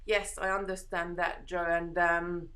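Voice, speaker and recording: A fairly low, level voice that sounds pushed and bright, a little slow in pace, belongs to a woman with a Hungarian accent. Hosting a casual beading live stream from home, she reads viewer comments and responds reassuringly, rambling with many fillers and restarts.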